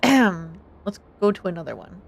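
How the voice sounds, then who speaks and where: A woman streamer chatting casually with her viewers in a nasal voice. She sounds bubbly and giggly, and her voice jumps up high when she gets excited. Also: a little slow, gravelly, background noise. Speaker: streamer playing a game. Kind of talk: casual live-stream chat.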